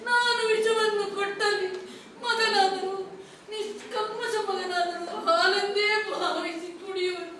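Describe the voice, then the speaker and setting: A woman's voice: very high-pitched, unhurried, a bit bright. A woman voicing an anguished queen and mother in a solo stage recitation of a mythological play, pleading and lamenting in half-sung phrases. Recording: echoey hall from far off, faint noise.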